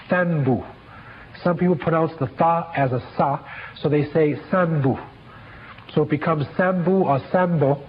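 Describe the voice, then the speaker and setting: A man giving a history lecture in a measured, halting way, with many fillers and restarts. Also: on the high side. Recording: dull lo-fi lecture recording with faint hiss.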